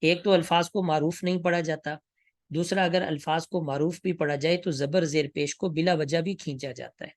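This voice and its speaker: A man giving a tajweed lesson, explaining pronunciation in a measured way and slowly drawing out sample words in recitation. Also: on the high side, steady tone, dry recording, clean studio sound. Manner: slow, drawn-out demonstrations of Arabic pronunciation. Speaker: Quran recitation teacher.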